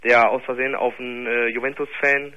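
A man's voice: medium pitch, flat delivery, a little fast, lo-fi sound. A nineteen-year-old man from Germany calling in to a radio show, hesitant and searching for words. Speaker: caller. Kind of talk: phone-in conversation.

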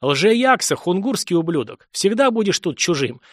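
A man voicing a furious male gate official who shouts contemptuously at unwanted outcasts. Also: high-pitched, sing-song, normal speed, dry recording, studio quality, pitched above the performer's own voice.

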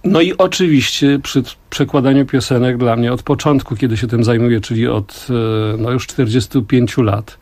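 Older man speaking in slow reflective tones. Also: mid-range voice, fairly even intonation, darkish tone. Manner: reflective, measured, with frequent pauses. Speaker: song translator and musician, guest. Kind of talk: radio interview. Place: radio studio.

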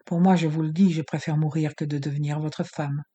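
A man's voice: on the high side, flat delivery, brisk, warm tone, husky. A man voicing a proud, defiant young woman who answers coldly and firmly in an audiobook. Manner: cold, firm, contemptuous.

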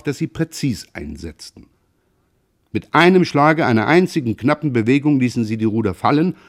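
A man reading a classic novel aloud at a measured pace, in a voice of middle pitch for a man. His delivery is expressive, stressing the action as the scenes unfold. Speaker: reader. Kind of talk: literary reading.

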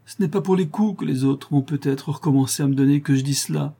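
A man's voice: a little high, fairly even intonation, brisk, dark tone, husky, pitched above the performer's own voice. A man voicing a tearful young woman prisoner who is expecting a child, pleading and sobbing with fierce pride. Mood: heartbroken.

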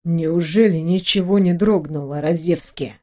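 A woman reading an audiobook, voicing a grim male security officer who talks low and clipped. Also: moderate pace, warm tone, lightly acted. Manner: low, clipped, through the teeth.

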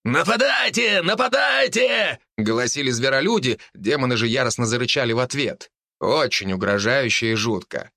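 A man's voice: medium pitch, a little fast, bright, forceful tone, no echo, studio quality. Man narrating a fantasy audiobook.

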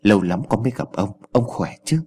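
A man's voice: fairly low pitch, expressive, a little fast, dark tone, breathy edge. A man playing a weary, defiant village husband. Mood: strained. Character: worn-down, hard-pressed young village husband.

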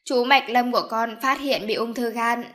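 A stubborn, scheming middle-aged mother who won't take no for an answer, read by a woman narrator. Her voice sits fairly high and comes across loud and commanding in this audiobook. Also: fairly even intonation, normal speed, close to an everyday voice. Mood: insistent. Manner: insistent, commanding. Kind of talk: audiobook character voice.

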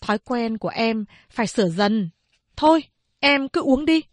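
A woman voicing a kind young female schoolteacher who speaks gently but firmly in an audiobook. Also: on the high side, expressive, normal speed, no echo, clean studio sound, lightly acted. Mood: gentle. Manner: gentle, coaxing, polite.

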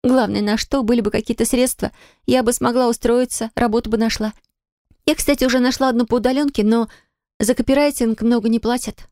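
A distressed young woman, pitched higher and pushed with breathless, pleading urgency, as a female audiobook narrator puts her on. The voice has a gravelly edge, recorded close and dry. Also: steady tone, brisk, dark tone, no echo, close to an everyday voice. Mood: anxious. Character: anxious frightened young woman, Polina. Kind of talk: audiobook character voicing.

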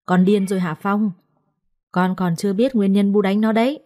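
A woman's voice: mid-range voice, fairly even intonation, normal speed, mellow, lightly acted. A woman storyteller voicing a stern, domineering old mother-in-law who gives harsh, scolding commands.

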